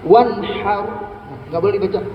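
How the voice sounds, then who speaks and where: High-voiced man teaching Quran recitation in an echoey hall. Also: slight background noise. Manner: explains patiently, chants verses slowly to demonstrate. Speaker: religious teacher. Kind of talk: morning study lecture on Quran recitation. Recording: echoey hall, distant lo-fi mic.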